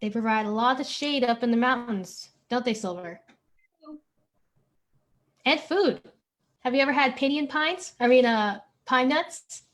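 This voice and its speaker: A woman's voice: fairly high pitch, unhurried, long pauses. A woman hosting a family-friendly online bingo event, chatty and encouraging, drawing out the words she announces. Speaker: event host running bingo.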